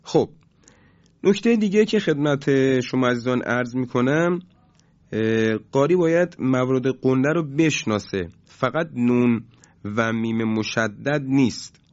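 A man teaching a recorded lesson on Quran recitation, explaining in a measured way with hesitant fillers. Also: mid-range voice, a little mellow. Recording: dull lo-fi recording.

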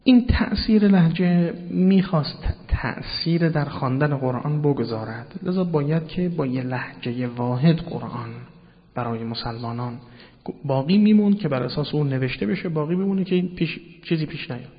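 A man's voice: on the high side, animated. Man lecturing on religion in a big hall. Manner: explanatory, addresses listeners politely and repeats key terms. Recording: dull sound with long hall reverb.

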